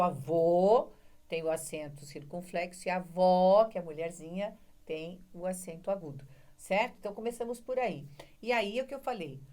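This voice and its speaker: A woman's voice: lowish voice, darkish tone. A woman with a Brazilian Portuguese accent giving an online grammar lecture, explaining step by step and checking in with her listeners. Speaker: Portuguese language teacher.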